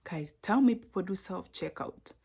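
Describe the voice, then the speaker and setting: Animated young Kenyan woman vlogging. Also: mid-range voice, moderate pace, vocal fry, breathy edge. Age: young adult. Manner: animated, exclaims and laughs often, addresses viewers as guys. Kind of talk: casual vlog talk to camera.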